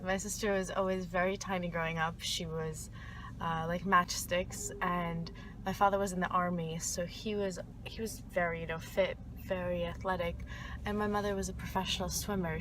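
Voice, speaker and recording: Young woman over loud traffic. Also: fairly low pitch. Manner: frank, halting, with many fillers. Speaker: interviewee. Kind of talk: personal testimony. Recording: outdoors with loud traffic noise.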